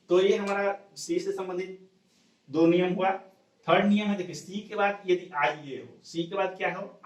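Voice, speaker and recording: Echoey, distant male teacher drilling rules. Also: a little high. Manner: repetitive question-and-answer drilling. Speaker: English pronunciation teacher. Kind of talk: classroom lesson, explaining rules to students.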